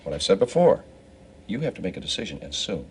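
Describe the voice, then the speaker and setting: Animated middle-aged father, noisy recording. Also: low-pitched, quick pace. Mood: stern, measured. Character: firm, dryly teasing family father. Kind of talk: television soap opera acting. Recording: clear background noise, room ambience.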